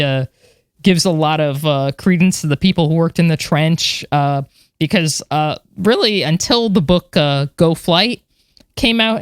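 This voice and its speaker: A woman's voice: sits low, clean tone, no echo, clean studio sound. A woman co-hosting a podcast, chatting animatedly about space history with lots of fillers. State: moved, a little emotional. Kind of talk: casual chat.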